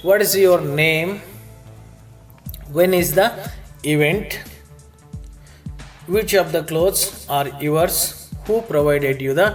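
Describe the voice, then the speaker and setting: Kannada-accented male grammar teacher. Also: fairly high pitch. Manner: switches between Kannada and slowly read English example sentences. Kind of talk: lesson explaining grammar in Kannada.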